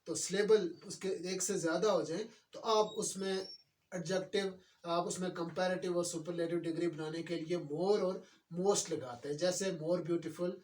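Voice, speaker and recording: A man teaching a grammar lesson, explaining slowly and repeating words. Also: high voice, fairly even intonation, darkish tone, far from the mic.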